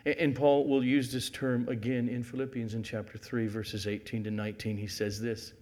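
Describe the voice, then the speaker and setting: A middle-aged male pastor preaching a sermon, swinging from loud emphasis to near-whispers and slowing down to read scripture deliberately. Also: mid-range voice, flat delivery.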